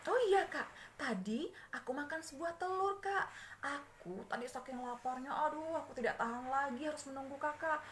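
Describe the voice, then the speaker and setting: A woman voicing a frightened young child who is turning into a scaly reptile, crying out in a high, pleading voice. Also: moderate pace, fairly bright tone, echoey room, a little hiss or hum. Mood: eager. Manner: high, pleading, wailing cries. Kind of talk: storytelling.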